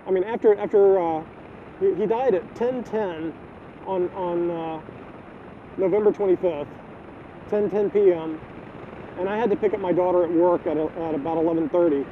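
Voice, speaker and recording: A middle-aged man in a personal video diary, halting and repeating words, choked up with grief. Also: high voice. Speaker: vlogger. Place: outdoors, filming the neighborhood. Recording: tinny phone-like audio, faint wind noise.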